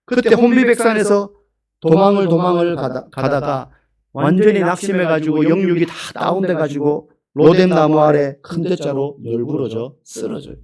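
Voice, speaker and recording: Brief: male pastor, higher-pitched voice, animated emphatic sermon delivery. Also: normal speed. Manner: animated, emphatic preaching with rhetorical questions.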